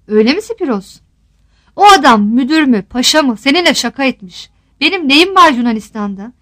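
A woman reads the part of a defiant old island woman with a high, ringing voice who scolds and mocks everyone around her. She fires off one rhetorical question after another, close and dry to the mic, as in a spoken storybook. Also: fairly bright tone, dry recording. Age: older.

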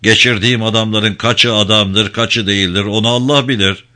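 A man voicing a gruff, cynical river ferryman in his forties who talks bluntly in a storybook reading. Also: fairly low pitch, fairly even intonation, moderate pace, bright, forceful tone. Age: 40s.

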